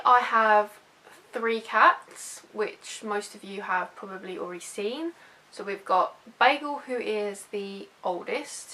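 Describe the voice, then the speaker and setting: Talking casually to camera in a personal vlog, this young woman from the United Kingdom rambles and pokes fun at herself. Her voice is medium-pitched and a bit bright, caught on a low-quality recording with a little hiss or hum.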